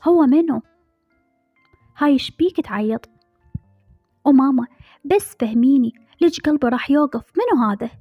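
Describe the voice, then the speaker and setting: Woman voicing a young man, iraqi accent, questioning urgently, high voice, dull lo-fi audio with faint music. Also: lively intonation, fairly quick, long pauses, slightly rough, no room sound. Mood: alarmed. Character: young man on the phone, caring, pressing.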